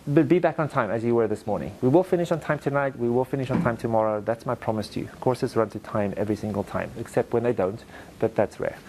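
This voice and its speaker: A man teaching a presentation skills workshop to a live audience, animated and direct, acting out quotes in playful voices. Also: medium pitch, quick pace, background noise. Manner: direct, asks the audience to repeat lines to each other. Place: training room with a live audience.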